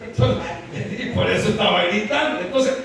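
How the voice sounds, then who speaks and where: A male preacher with a high voice that leaps up and down as he drives his sermon home. He keeps turning to the congregation for agreement. The sound is distant and drenched in hall echo, with a faint hum of ambience underneath. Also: normal speed, creaky, a crowd in the background. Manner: animated, keeps calling on the congregation with "hermano" and "¿verdad?". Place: church hall. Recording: very echoey hall picked up from far off.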